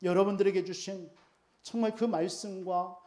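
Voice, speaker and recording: High-pitched pastor guy preaching, keeps firing questions at the congregation. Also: fairly even intonation, moderate pace, warm tone. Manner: emphatic, rhetorical questions to the congregation. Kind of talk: sermon.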